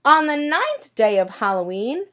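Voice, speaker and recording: Expressive and sing-song, a high-voiced teacher reads a picture book to little children and pauses to ask them questions along the way.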